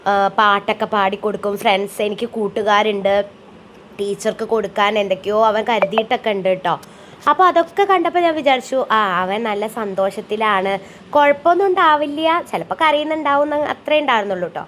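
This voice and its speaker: A woman's voice: mid-range voice, a little hiss or hum. A woman, a mother chatting through a family vlog voice-over in a homely way. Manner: homely, chatty, tags sentences with "ട്ടോ". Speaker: vlogger and mother. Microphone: voice-over, close mic.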